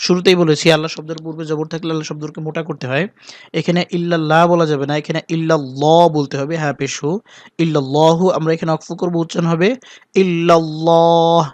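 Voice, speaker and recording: Male recitation teacher, slightly high voice, flat delivery, dry close sound. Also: no echo. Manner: slow, drawn-out chanting of recited phrases between plain explanations. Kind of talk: spelling out and reciting the call to prayer.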